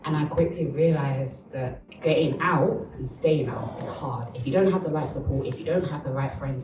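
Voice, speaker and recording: A woman's voice: deep voice, roomy sound, far from the mic, poor audio. A woman from Uganda, giving a candid, reflective documentary interview.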